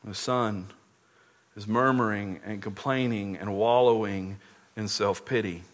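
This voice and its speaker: A man's voice: fairly low pitch, steady tone, unhurried. A man preaching a sermon, earnestly explaining scripture and often repeating words as he goes.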